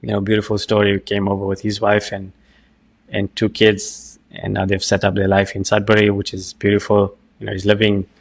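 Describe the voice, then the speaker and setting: A man's voice: on the low side, completely flat delivery, normal speed. A man with a South African accent, chatting casually as an interview host and telling things in a conversational way. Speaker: podcast host.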